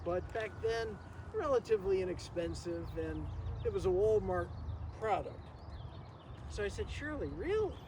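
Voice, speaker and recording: In a garden memorial, an older man addresses the gathering with an informal, reminiscing tribute, animated and high-voiced yet halting, rambling and frequently pausing. Without a working PA, he is recorded from a distance on a camera microphone, and the outdoor recording is noisy.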